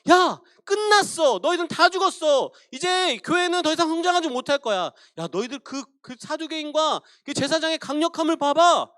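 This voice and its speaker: A scheming male devil, acted out by a man preaching, taunts and sneers at a frightened congregation. His voice sits high and jumps around a lot. The sound is dry and close. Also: animated, normal speed, few pauses, a bit bright, no room sound. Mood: taunting.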